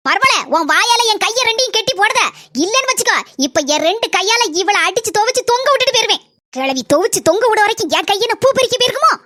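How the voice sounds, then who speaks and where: A woman's voice: very high-pitched, animated, fast, bright, forceful tone, no room sound, clean studio sound, full character voice. A woman voicing a scheming mother-in-law who pleads her innocence with a Kanyakumari Tamil accent, repeating her words insistently. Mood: pleading. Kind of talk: cartoon voice acting.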